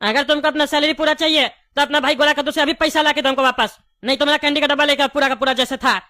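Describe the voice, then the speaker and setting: Woman doing a chatty shopkeeper guy, high bright voice, argues fast and laughs a lot. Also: steady tone. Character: chatty male shopkeeper selling cheap candy. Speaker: comic skit actor. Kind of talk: comedy skit acting.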